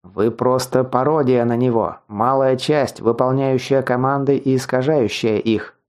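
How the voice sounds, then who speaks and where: A man's voice: medium pitch, fairly even intonation, measured pace, a little mellow, lightly acted. A man reading as a sardonic bearded swordsman. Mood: angry. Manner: wry and condescending, angry when wronged.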